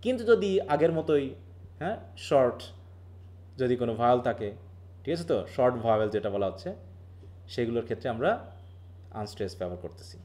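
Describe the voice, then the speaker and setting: A man's voice: medium pitch, lively intonation, fast, pauses often, a little mellow. A man from Bangladesh teaches linguistics in a live online class. He explains patiently, mixes in English terms, and keeps asking his students questions.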